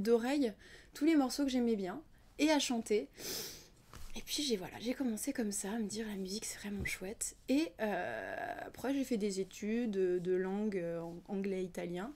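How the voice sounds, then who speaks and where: Young woman singer chatting in an interview, lots of ums, trails off soft sometimes. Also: mid-range voice. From Ukrainian family background, raised in France. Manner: thoughtful, hesitant with many fillers, drops to near-whisper at times. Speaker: singer and singing teacher being interviewed. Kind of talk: casual interview talk.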